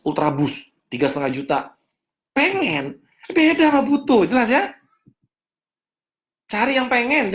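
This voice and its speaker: A man teaching a finance seminar as a coach, answering audience questions, repeating key points and checking understanding with quick questions. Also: high voice.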